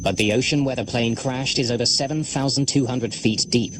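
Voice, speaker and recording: A man's voice: medium pitch, brisk, noisy background. A man delivering scripted documentary narration as the narrator. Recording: loud music bed behind narration.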